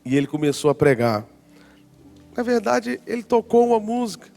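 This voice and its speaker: Pastor in his forties, male, gravelly and a touch high, tells a story lively in a sermon. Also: normal speed, soft background music. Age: 40s. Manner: lively storyteller acting out his own past reactions. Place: church conference hall.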